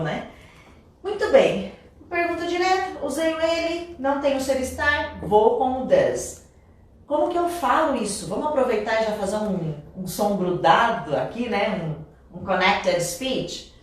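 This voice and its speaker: A woman's voice: a little high, slight background noise. A woman teaching an English lesson live, explaining step by step and repeating example phrases. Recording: echoey room, mic at a distance.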